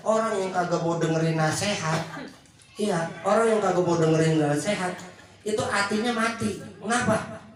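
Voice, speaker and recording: Man, Betawi accent, joking preacher, acts out voices, high voice, far from the mic in a very echoey hall. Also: a bit bright. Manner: jokey, acts out quoted voices. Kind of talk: humorous sermon. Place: monthly religious gathering hall.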